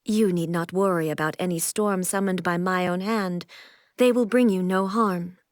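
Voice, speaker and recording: A woman with a fairly low-pitched voice lightly acts the scripted lines of a stern, regal deity ruler for a video game. She sounds solemn and commanding, keeping her delivery formal, composed, stately, and measured. The sound is clean studio quality with no echo.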